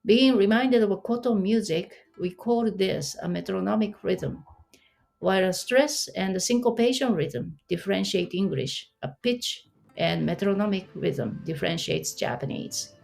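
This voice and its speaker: A woman's voice: medium pitch, unhurried, vocal fry, darkish tone, soft background music. A woman teaching an online language lesson, explaining patiently and asking the listener questions.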